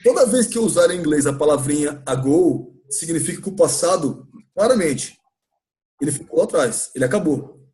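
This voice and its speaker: A man's voice: on the high side, lively intonation, moderate pace, a little mellow. A man with a Brazilian Portuguese accent teaching an English grammar class in a church classroom, patiently questioning students and repeating points.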